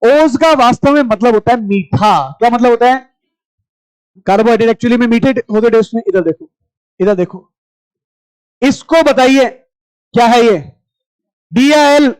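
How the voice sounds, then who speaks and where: A man's voice: very high voice, darkish tone, clear, resonant tone, no echo, rough recording. A man teaching chemistry to a class, firing short questions and repeating them as he goes. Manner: quizzing students with rapid repeated questions; familiar, addresses class as brother. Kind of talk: classroom lecture.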